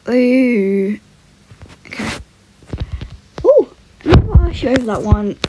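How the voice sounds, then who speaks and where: A young woman with a slightly high, very animated voice speaks slowly as she gives casual vlog commentary while riding a horse in a voiced role-play video. She breaks off now and then to give the horse short soothing commands and murmur praise. The recording is very noisy.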